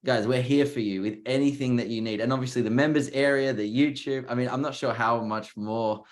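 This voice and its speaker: Energetic Australian man pitching. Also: fairly quick. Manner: energetic, repeats "like" and "just", salesy encouragement. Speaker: co-host. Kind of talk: live webinar chat.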